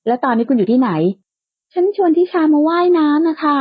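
A woman's voice: high-pitched, fairly quick, no room sound, natural voice. A woman voicing a bold, playful young woman who likes to tease, in a lightly lo-fi, dry recording. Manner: playful and outspoken, bright and teasing.

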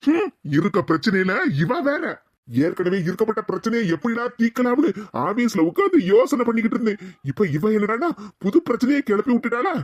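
A woman's voice: fairly high pitch, very animated, fairly quick, darkish tone, dry recording, clean studio sound. A woman voicing a harried grown son who placates his mother and sister, with a Tirunelveli Tamil accent. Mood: placating. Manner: placating, fretful.

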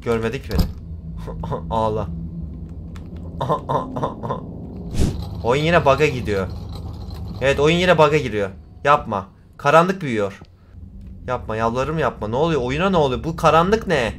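A man commentating a horror game for his channel, exasperated, swinging between low mutters and loud outbursts. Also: animated, measured pace, long pauses, a little hiss or hum. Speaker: gaming YouTuber.

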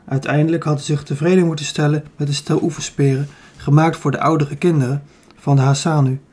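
A man narrating a children's audiobook in a calm, even storytelling manner. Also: on the high side, quick pace, husky.

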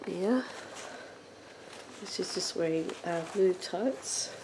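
The same doll channel host sits indoors on her sofa, narrating a vintage doll in a loose, slow, somewhat low voice. She falters a lot, with plenty of ums and uhs, and coughs now and then, while the background is noisy along with faint room ambience.

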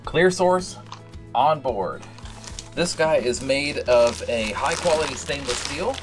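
A man in his thirties chats to his viewers while he unpacks and installs gear aboard a catamaran. His voice sits at an ordinary middle pitch and is picked up close by a camera, with faint music playing underneath. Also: lively intonation, takes it slowly. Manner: chatty, talks to viewers while working with his hands. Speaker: boat owner vlogger. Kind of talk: casual vlog talk. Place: aboard a catamaran, partly in a small cabin.

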